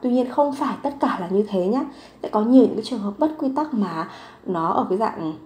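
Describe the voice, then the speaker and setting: A woman teaching a grammar lesson to learners. She is patient and says each word slowly more than once. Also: mid-range voice, animated, dark tone, echoey room. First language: Vietnamese. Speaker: Korean language teacher.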